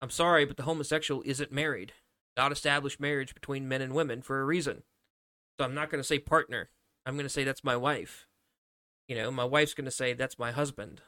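A man's voice: mid-range voice, steady tone, quick pace, pushed and bright, no echo, studio quality. A man talking casually on a podcast, emphatic and often repeating words as he restarts. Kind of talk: casual chat.

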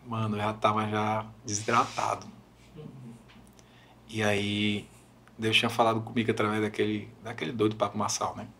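A young Brazilian man, a worship minister, chatting on a podcast and telling stories with lively, emotional retellings. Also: fairly low pitch, moderate pace, vocal fry, pauses often, a little hiss or hum. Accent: Brazilian Portuguese. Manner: animated storyteller, acts out quoted voices. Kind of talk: casual podcast chat.

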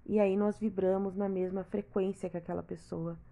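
A woman's voice: mid-range voice, level tone, moderate pace, creaky, warm tone, muffled recording. A woman, talking earnestly and repetitively straight to the listener in a reflective personal monologue.

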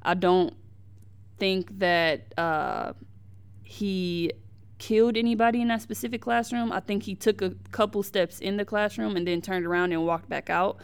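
A woman's voice: medium pitch, fairly even intonation, moderate pace, clean tone. A young woman hosting a podcast, giving heated, emphatic commentary on the news, with slang and frequent restarts. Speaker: podcast host.

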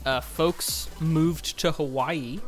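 Guy on a podcast just chatting, kinda halting, repeats himself, highish voice, music behind. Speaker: podcast co-host. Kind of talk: casual chat.

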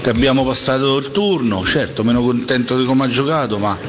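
A man's voice: mid-range voice, fairly quick, music in the background. A man from Lazio in Italy giving casual football talk as a radio listener. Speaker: radio listener leaving a voice message.

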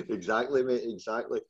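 Over lo-fi, dull-sounding call audio, a Glaswegian man from just outside Glasgow hosts an informal interview podcast, chatting in a friendly, slangy manner. His voice sits at medium pitch and sounds a bit bright.

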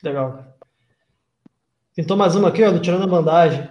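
An upbeat Brazilian man hosts a casual live chat, greeting viewers and passing along their questions. His voice is pitched a little high for a man, and it rings in a roomy, echoey space. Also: brisk, darkish tone. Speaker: interview host reading viewer questions. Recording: roomy echo.

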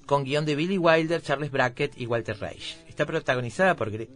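A man hosting a film program, reading out film summaries in a measured, informative way. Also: on the high side, a bit bright. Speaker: radio film show host.

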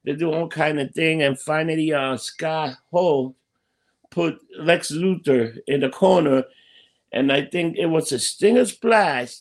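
High-pitched man hosting a wrestling show. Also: a little slow. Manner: ring-announcer style showmanship, repeats phrases for emphasis. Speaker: podcast host. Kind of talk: excited retelling of a wrestling match.

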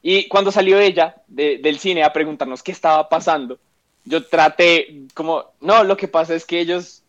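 A young podcast co-host tells friends a story in casual chat, acting out quotes and swearing freely. His fairly bright voice runs on the high side at normal speed, and the recording is dull and lo-fi.

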